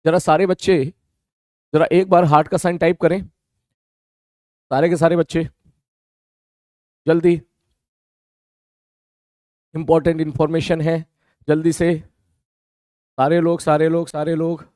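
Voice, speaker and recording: A man teaching a live online physics class who has a mouth ulcer and talks slower than usual. He keeps asking his students whether his point is clear. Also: a little high, level tone, a little mellow, no echo, clean studio sound. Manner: addresses students as beta, checks understanding.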